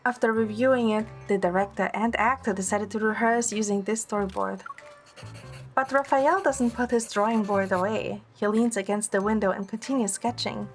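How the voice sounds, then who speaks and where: Faint music plays behind a woman portraying a young heroine, wry and affectionate, who tells the story of her own romance in an audio drama. She delivers first-person narration and dialogue in a mid-range voice at normal speed, with fairly even intonation and a lightly acted touch.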